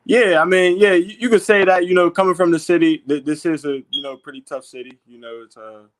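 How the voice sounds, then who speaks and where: Relaxed young man, lots of fillers. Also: on the high side, a little fast. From Pittsburgh. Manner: relaxed, filler-heavy, lots of "you know". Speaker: guest football player. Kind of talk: casual interview.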